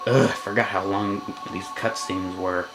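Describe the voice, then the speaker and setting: A let's play commentator with a deep voice jokes casually over gameplay, grumbling sarcastically and reading on-screen text aloud. He speaks a little slowly with fairly even intonation. Video game music plays behind him on a rough recording.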